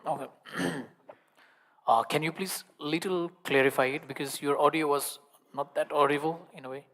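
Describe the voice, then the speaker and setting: A man giving a spoken English translation of a teaching, in halting, non-native English phrasing. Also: a little high, steady tone, a bit bright. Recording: long hall reverb.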